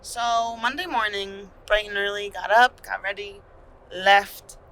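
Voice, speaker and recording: A woman's voice: medium pitch, fairly even intonation, a little slow, fairly bright tone, a little hiss or hum, rough recording. A young woman co-hosting a casual father-daughter podcast, telling a road trip story in a chatty, joking way. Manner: chatty, playful, jokey storytelling. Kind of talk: casual chat.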